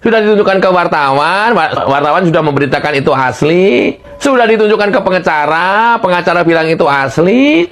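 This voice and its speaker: A woman's voice: fairly low pitch, animated, a little fast, few pauses. A woman giving heated political commentary, indignant and mocking, laughing scornfully and repeatedly calling out the person she criticises. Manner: indignant, mocking, repeatedly addressing her target; laughs scornfully between remarks.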